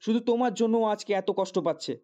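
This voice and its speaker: A man's voice: sits high, fast, warm tone, natural voice. A young actor playing a teenage boy pleading tearfully with his father. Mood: accusing. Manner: pleading, choked with tears. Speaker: son. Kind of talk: film drama acting.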